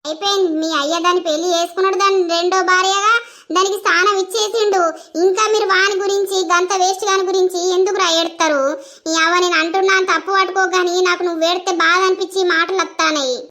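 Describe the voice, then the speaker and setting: Squeaky doting girlfriend, voiced by a woman. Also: fairly even intonation, fast, pushed and bright. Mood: coaxing. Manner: coaxing, pleading endearments. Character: young college girlfriend, doting and fussing. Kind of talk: village cartoon voice acting.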